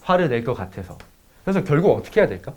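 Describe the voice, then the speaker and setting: A man's voice: medium pitch, very animated, rapid-fire, a little mellow, slightly rough. A man teaching math to students, mixing a blunt, profanity-laden personal story into a casual lecture. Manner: blunt, swears freely, talks straight to students.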